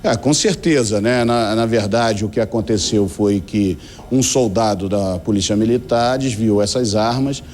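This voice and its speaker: A man's voice: on the low side, unhurried, few pauses, darkish tone. A man with a Brazilian accent, a police commander, answering interview questions in a hesitant way with many fillers. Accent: Brazilian Portuguese.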